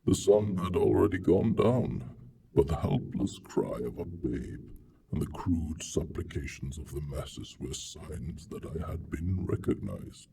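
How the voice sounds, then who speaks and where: Man playing haughty lonely monster, hammy stage-actor delivery, dramatic literary monologue, dark mellow tone, gravelly, breathy hushes, distant mic with faint noise. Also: very deep voice, lively intonation, measured pace, heavily acted. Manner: haughty, pompous. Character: proud, lonely monster Asterion, grandiose and childlike.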